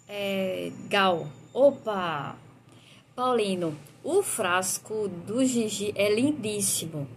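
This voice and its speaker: A woman's voice: medium pitch, lively intonation, extremely slow, a little hiss or hum. A woman with a Brazilian Portuguese accent hosting a live stream, chatting casually with viewers and reviewing perfumes with frequent tag questions.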